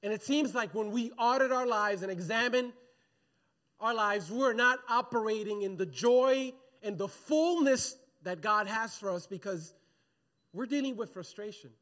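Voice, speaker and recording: High-voiced male pastor preaching. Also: a little slow, fairly bright tone. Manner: conversational preaching, calls for audience response. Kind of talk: sermon. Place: church sanctuary.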